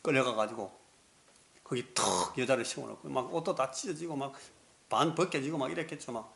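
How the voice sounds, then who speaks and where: Male pastor, sermon, animated storyteller, acts out the scenes, mid-pitched. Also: brisk, gravelly.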